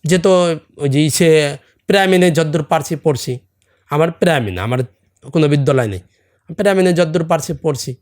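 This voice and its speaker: A man's voice: fairly high pitch, brisk, long pauses, a little mellow. A middle-aged man with a non-native Bengali accent and Hindi as his first language, a podcast guest talking casually and earnestly, often pressing his point with rhetorical questions. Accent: non-native Bengali, from a Hindi-speaking camp community. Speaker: podcast guest, salon owner. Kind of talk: casual chat.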